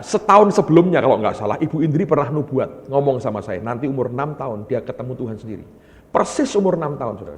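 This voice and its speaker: A male pastor preaching a sermon, telling stories with lively energy and often addressing the congregation directly. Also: medium pitch. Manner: animated storytelling, often calling the congregation "brothers". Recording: long hall reverb.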